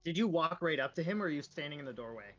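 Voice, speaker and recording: A man's voice: a little high, animated, very fast, lo-fi sound. A man playing a tabletop role-playing game, casually telling events as his character.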